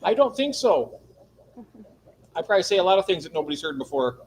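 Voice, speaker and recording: A man's voice: sits high, big pitch swings, a little fast, slightly rough, poor audio. A man co-hosting a casual livestream, joking around, laughing often and reading chat comments aloud. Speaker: livestream co-host.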